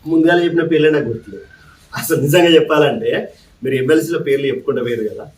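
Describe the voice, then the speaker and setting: Male interviewer, quick chatty talk, off-mic in a roomy space. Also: a little high, darkish tone, recorded from a distance. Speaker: interviewer and mimicry artist. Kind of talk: casual interview chat.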